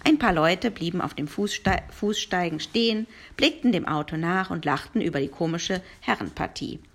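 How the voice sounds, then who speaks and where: A woman narrating a children's adventure novel with lively storytelling. Her voice sits fairly low for a woman. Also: normal speed, creaky. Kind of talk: reading a children's novel aloud.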